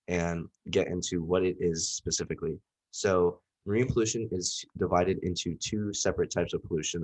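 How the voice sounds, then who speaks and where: A young student from Southwest Florida gives a casual, rambling class presentation packed with fillers, his voice nasal from a cold. It is deep and a little mellow, and the audio is poor.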